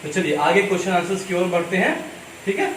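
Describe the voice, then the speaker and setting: A man with an Indian accent teaching a school lesson, explaining slowly and repeating key points. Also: high voice, big pitch swings. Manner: slow, repetitive explaining, switching between Hindi and English. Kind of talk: classroom lesson. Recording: echoey room, mic far off, faint ambient noise.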